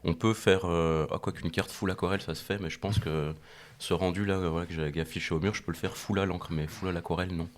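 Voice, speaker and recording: Very deep voiced guy on a podcast, lots of euh and restarts. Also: fairly even intonation, quick pace. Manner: hesitant, many fillers and restarts. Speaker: podcast guest, illustrator. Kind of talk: casual podcast chat.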